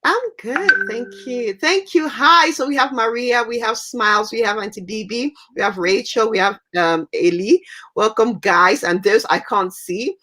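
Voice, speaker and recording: A woman's voice: on the high side, normal speed, sharp tone. A woman from Cameroon hosting a livestream interview, enthusiastic and repeating words for emphasis. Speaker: talk show host.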